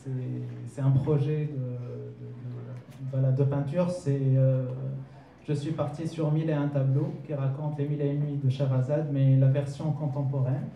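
A man's voice: medium pitch, level tone, normal speed, gravelly, highs cut off. A young man, the artist, presenting his paintings at an exhibition opening in a hesitant way, repeating words. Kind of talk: short speech at an exhibition opening. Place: large glass-walled hall, indoors. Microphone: handheld mic. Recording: echoey hall, mic far off, crowd.

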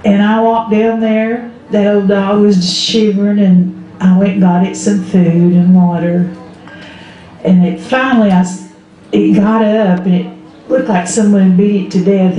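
A woman's voice: medium pitch, fairly even intonation, measured pace, mellow. Older Appalachian woman storyteller, echoey mic. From Southern Appalachia, Smoky Mountains. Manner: folksy, quoting relatives and neighbours in dialogue. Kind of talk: live folksy storytelling to an audience. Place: outdoors under an open tent at a public event. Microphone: handheld microphone through a PA. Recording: echoey outdoor PA with faint noise.

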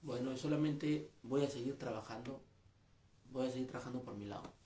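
A man's voice: medium pitch, a little fast, dark tone, a little hiss or hum. Aggrieved man, echoey room. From Peru. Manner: aggrieved, earnest, repeats himself. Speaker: street comedian. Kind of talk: personal video statement.

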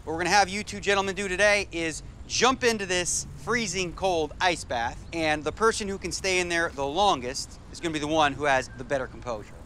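A man's voice: on the high side, a little fast, hardly any pauses, sharp tone, a little hiss or hum. An American man hosting a comedy challenge as referee, speaking outdoors. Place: outdoors on a backyard pool patio.

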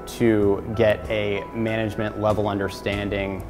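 A man's voice: on the low side, completely flat delivery, measured pace. A young man in his twenties from rural Pennsylvania, a graduate student speaking steadily and matter-of-factly in an interview testimonial. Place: indoor university hallway. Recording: long reverb with music behind.

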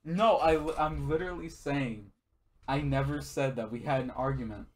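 A man's voice: medium pitch, moderate pace. A young man in a casual argument with a friend on a gaming video, insisting and denying over and over, swearing and breaking into laughs.

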